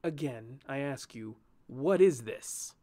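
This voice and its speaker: A flustered young man in an audiobook story, pitched up and protesting, as the male narrator voices him. His indignant newcomer temper swings through a wide, animated range. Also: normal speed. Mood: agitated. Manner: protesting, raised and agitated.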